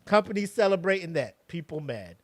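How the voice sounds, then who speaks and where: Man, podcast co-host, fairly high voice, very dry close sound, sarcastic, slangy. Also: brisk, dry recording. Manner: animated, sarcastic, heavy slang. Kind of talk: casual chat.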